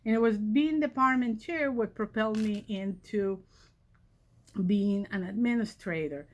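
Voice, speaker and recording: A woman with a mid-range voice speaks unhurriedly, a college vice president recounting her personal origin story. She is from Catalonia, Spain, and her first language is Catalan. Her manner is reflective and conversational, with many fillers.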